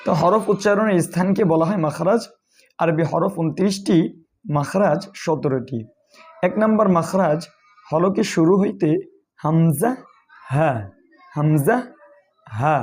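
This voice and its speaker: A man's voice: high-pitched, normal speed, darkish tone, slightly rough. A man teaching Quran reading in an online lesson, pronouncing each Arabic letter carefully one at a time.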